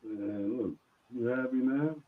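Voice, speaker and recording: A man's voice: medium pitch, slow. Muffled, faint man's voice through a wall. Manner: terse, keeps asking for a moment to fix his audio. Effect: muffled and faint, as if heard through a wall. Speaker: caller joining a live stream. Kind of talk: casual chat.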